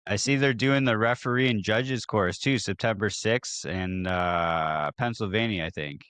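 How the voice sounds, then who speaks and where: A man from Ontario co-hosting a podcast, asking halting questions with lots of fillers. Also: lowish voice, fairly bright tone, smooth, no room sound. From Hamilton, Ontario. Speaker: podcast co-host. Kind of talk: casual interview.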